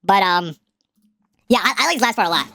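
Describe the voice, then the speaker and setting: A woman's voice: mid-range voice, expressive, fairly quick, gravelly, bright, forceful tone. A woman giving casual reaction commentary on songs, slangy and profane, often repeating words as she stumbles. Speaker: music reaction streamer. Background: faint song playing.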